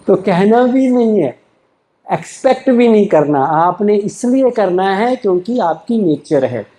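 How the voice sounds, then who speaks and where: Guy preaching to a crowd, soft mellow tone, keeps asking then answering his own questions. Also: high voice, animated, a little slow, reverberant, poor audio. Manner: rhetorical questions, answers them himself. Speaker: spiritual speaker. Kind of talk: motivational spiritual talk to a live audience.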